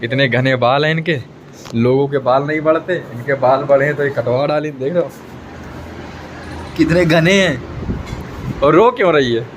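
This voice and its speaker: Pausing often, a young man with a medium-pitched voice speaks at normal speed over a noisy background. As a family vlogger, he chats to his phone camera indoors at home in a teasing way, frequently calling out to viewers.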